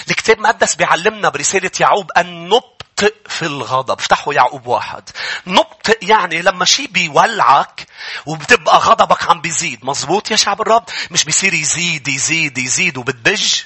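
Lebanese male preacher, high bright voice, loud-to-hushed sermon delivery in church. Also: expressive, fast talker, slightly rough. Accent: Lebanese Arabic. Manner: swings from loud preaching to hushed, repetitive pleading. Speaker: pastor.

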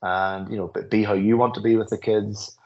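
A man's voice: fairly low pitch, little pitch movement, fairly quick, lo-fi sound. A middle-aged Northern Irish man, a school principal, speaking earnestly and telling anecdotes in an interview, often restarting his phrases. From Northern Ireland. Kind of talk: reflective interview conversation.

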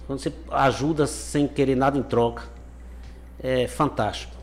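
A man, a mayor telling stories in a relaxed interview, with casual slang. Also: mid-range voice, normal speed. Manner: chatty storyteller, casual slang. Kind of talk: conversational interview answers.

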